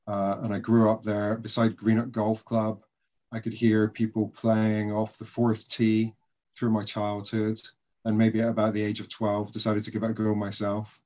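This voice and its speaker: A Scottish man, a guest on a podcast interview, telling stories in a relaxed, chatty way. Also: lowish voice, moderate pace, muffled recording. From Scotland. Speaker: guest, communications consultant.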